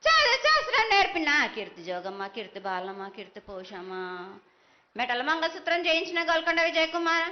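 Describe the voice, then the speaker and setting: A woman's voice: extremely high pitch, big pitch swings, brisk, dull audio, slight background noise. A woman oracle delivers a ritual invocation in short declamatory phrases, chanting in a prophetic, trance-like voice.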